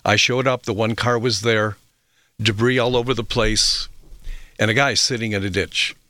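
A man's voice: lowish voice, fairly even intonation, moderate pace, bright, forceful tone, no echo. A middle-aged man hosting a health radio show, telling reflective stories with fillers and restarts. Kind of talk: radio talk monologue.

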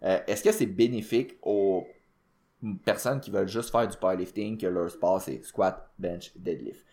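A man's voice: deep voice, unhurried, warm tone. A man with a Québécois accent co-hosting a fitness podcast, explaining training casually with many fillers and English gym terms. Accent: Québécois French. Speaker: podcast co-host, powerlifting coach.

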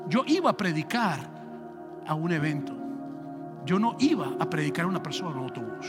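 A man's voice: fairly high pitch, big pitch swings, fairly quick, big-room sound, loud music behind the voice. A man, a pastor preaching a sermon, telling a story and building to fervent emphasis.

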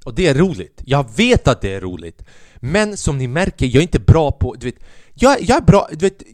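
A man's voice: mid-range voice, very animated, a little mellow, dry recording, studio quality. A young man, a podcast host and stand-up comedian, telling a rambling, profane story in a casual monologue.

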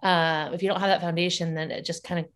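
An upbeat woman guest in a casual remote interview, laughing easily between her points. Her voice sits a little lower than most women's. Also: level tone, fast. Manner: upbeat, laughs often while talking. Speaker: guest, parenting educator and school founder.

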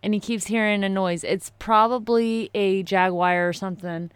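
A woman's voice: mid-range voice, fairly even intonation, moderate pace, clear, resonant tone, no room sound. A woman in casual conversation, backing up and finishing a shared story. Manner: supportive listener, chimes in to finish stories. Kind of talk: casual chat.

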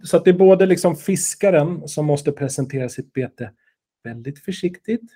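A man with a fairly high-pitched, warm voice co-hosts a casual podcast. He explains things chattily with hesitations, fillers and restarts, and playfully teases his partner.

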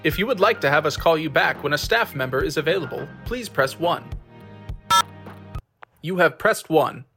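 A man's voice: fairly high pitch, moderate pace, pauses often, over music. Brief: man as robotic-polite hold-line voice, dry and smug. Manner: polite, smooth, deadpan. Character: smug automated phone menu voice, male.

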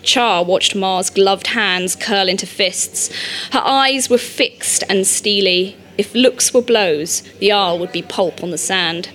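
A woman reading an audiobook, narrating in a measured, steady storytelling manner. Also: medium pitch.

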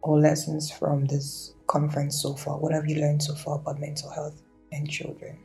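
A woman hosting a podcast, introducing the show and asking questions in a measured way. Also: low voice, completely flat delivery, vocal fry, dark tone, faint music behind, low-quality recording. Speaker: podcast host. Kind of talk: podcast interviewing.

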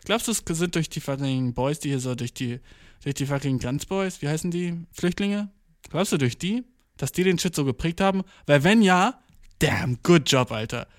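A man's voice: fairly high pitch, moderate pace, no room sound, clean studio sound. A young man in a casual monologue, talking slangy and swearing a lot, with English words mixed in. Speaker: vlogger.

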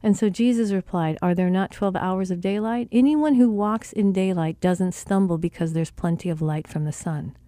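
An earnest woman gives a reflective spiritual talk and retells scripture in her own words. Her voice is mellow and dark-toned. The recording is dry and close, with no room sound. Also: lowish voice, normal speed, few pauses, dry recording.

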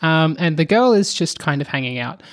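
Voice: mid-range voice, lively intonation, moderate pace. A podcast co-host in casual chat who explains at length, speeding up in bursts and sighing now and then.

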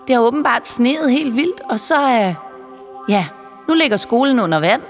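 A woman voicing a busy, chatty mother who explains things in a quick, talkative way. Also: fairly high pitch, lively intonation, voice pushed up, lightly acted. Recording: reverberant with faint music.

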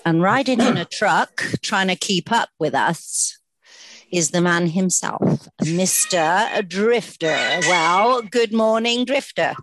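Low-voiced British woman hosting a podcast. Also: animated, slow, fairly bright tone, a little hiss or hum. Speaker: podcast host. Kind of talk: casual podcast introduction and chat.

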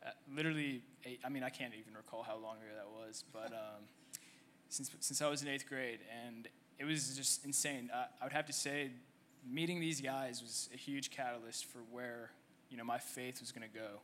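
Bright-voiced young man sharing his story. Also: medium pitch, steady tone, slight background noise. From Egypt. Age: 20s. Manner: halting, many fillers and restarts. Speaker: church member guest. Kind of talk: conversational testimony on stage. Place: church service stage.

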